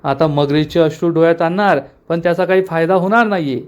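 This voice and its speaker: A man voicing an angry village mother who defends her son in a sharp, indignant tone. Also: on the high side, a little fast, natural voice.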